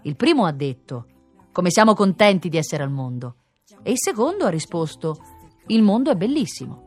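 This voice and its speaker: A woman reading a storybook, voicing a kindly old gentleman who explains things calmly and with a smile. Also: lowish voice, moderate pace, soft background music. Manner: calm, smiling explanations.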